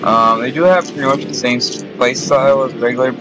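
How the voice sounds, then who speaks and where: A man with a nasal, stuffed-up voice talks through a strategy game in a loose, halting way, dropping frequent ums and uhs. His voice sits at a middling pitch. Game music plays clearly behind him. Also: poor audio. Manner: hesitant, many filler pauses. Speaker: gaming video creator. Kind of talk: casual gameplay commentary.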